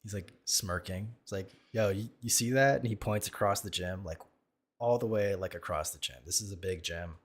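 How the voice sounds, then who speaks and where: A man's voice: low voice, moderate pace, husky. A man casually telling a crude, self-mocking story, rambling with lots of restarts. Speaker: streamer reacting to videos.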